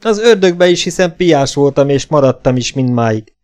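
A bitter, washed-up old spy who has given in to the bottle, voiced by a man reading an audiobook. His voice sits noticeably higher than the reader's own and comes out loud. He grumbles and complains at everything. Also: expressive, natural voice. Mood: grumbling. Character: bitter washed-up older male ex-spy, a heavy drinker. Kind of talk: audiobook character voice.

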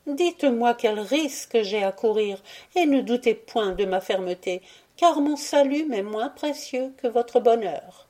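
A woman's voice: on the high side, animated, unhurried, warm tone, pitched above the performer's own voice. A woman voicing a devoted, resolute young wife in an audiobook, speaking earnestly and firmly. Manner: earnest, firm and pleading. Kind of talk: audiobook character reading.

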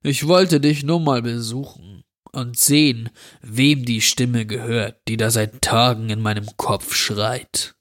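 A man voicing a dirty, menacing stranger who grants children's wishes, speaking with a slow, mocking drawl in a horror story reading. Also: mid-range voice, steady tone, fairly bright tone.

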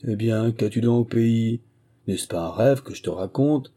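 A man's voice: mid-range voice, a little slow, mellow, close to an everyday voice. A man voicing a boisterous, swaggering male ex-convict in an audiobook reading, speaking in a raised, exclaiming voice.

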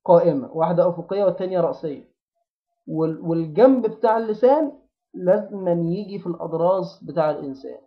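A man with an Egyptian accent teaching the pronunciation of recitation, repeating words and syllables slowly to drill them. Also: high-pitched, lively intonation, muffled recording. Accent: Egyptian Arabic. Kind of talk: tajweed pronunciation lesson.

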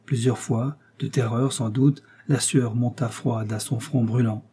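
A man narrating a classic adventure novel as an audiobook, in a steady and dramatic reading. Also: mid-range voice, unhurried, slight background noise.

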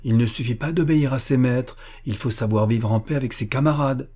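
A man's voice: mid-range voice, a little fast, a little mellow, lightly acted. A man reading a firm young tutor. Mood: stern. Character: stern but kind young man, tutor.

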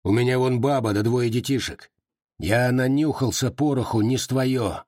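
A man's voice: mid-range voice, normal speed, a little mellow, dry recording, clean studio sound, close to an everyday voice. A man reading a grim, hard-tempered Cossack veteran. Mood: cold.

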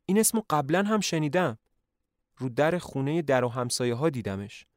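A man voicing an excitable, fussy middle-aged male doctor in a narrated play, speaking high and loud. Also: no room sound, clean studio sound, close to an everyday voice. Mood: excited. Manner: high-pitched and loud, eager.

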